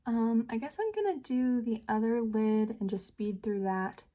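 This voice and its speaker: A woman's voice: a little high, unhurried, mellow. Chatty, laughing young woman vlogger. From United States. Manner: chatty, self-deprecating, laughs often. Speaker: beauty vlogger. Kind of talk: casual chatty storytelling while doing makeup.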